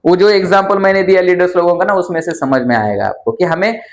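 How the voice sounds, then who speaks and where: A man with a high voice teaches a room full of students. He talks in a chatty, familiar way and keeps quizzing the class so they finish his points. The classroom is bare and echoey. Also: fast. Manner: chatty, calls listeners "yaar". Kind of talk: classroom lecture.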